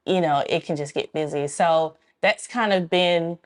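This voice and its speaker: A woman's voice: fairly low pitch, measured pace. A woman from Memphis, Tennessee, a club co-founder speaking as an interview guest, friendly and explanatory, laughing often. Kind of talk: casual interview talk.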